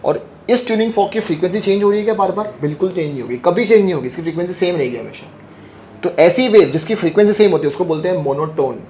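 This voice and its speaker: A man's voice: sits high, rapid-fire, darkish tone, a little hiss or hum. Male physics teacher quizzing his class. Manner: asks students questions and repeats the answers back; joking and teasing with students. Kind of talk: classroom lecture.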